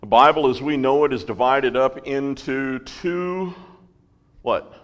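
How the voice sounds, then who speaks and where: Teaching a Bible lesson, this man has a medium-pitched, slightly bright voice, and a long reverb tail trails after his words. His delivery is slow, dotted with frequent "right?" and "okay?" check-ins to the class.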